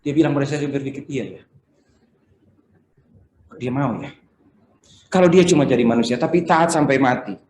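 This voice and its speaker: A man's voice: mid-range voice, normal speed, pauses often, a little mellow. Preaching man in an echoey room. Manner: conversational preaching, asks the congregation questions. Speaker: pastor. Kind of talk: sermon. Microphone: video call.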